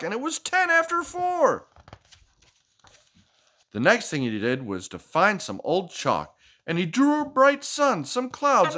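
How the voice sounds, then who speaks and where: A man with a voice that sits high and sounds a bit bright hosts a storytime for children. He reads a picture book expressively, adds playful, chatty asides, and asks the child questions before echoing their responses.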